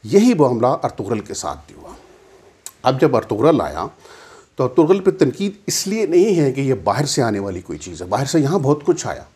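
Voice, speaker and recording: A middle-aged man from Pakistan talks straight to the listener in a slightly husky voice. He builds his case with rhetorical questions and firm emphasis, pitched at an everyday middle level. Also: big pitch swings, a little mellow. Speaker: commentator. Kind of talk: opinion monologue.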